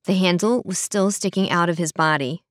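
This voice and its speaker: A woman voicing a calm, measured male police officer in an audiobook. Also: on the low side, no room sound, clean studio sound, lightly acted.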